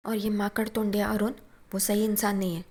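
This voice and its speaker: A woman's voice: medium pitch, flat delivery, fairly quick, a little mellow. A woman recapping a TV serial episode, reading out every character's lines in her own plain voice. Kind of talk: recap narration with quoted dialogue.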